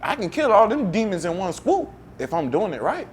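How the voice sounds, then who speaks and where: A lively man argues in casual heated debate, his pitch swinging up and down. He repeats words whenever he is cut off. A faint low rumble sits behind the voice. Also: brisk. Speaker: podcast guest, military veteran.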